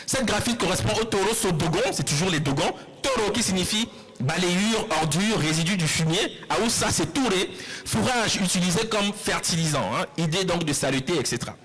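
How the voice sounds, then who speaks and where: A man giving a public lecture, explaining step by step, repeating words slowly and putting questions to the audience. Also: sits high, lively intonation, a bit bright, soft background music, low-quality recording. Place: lecture hall.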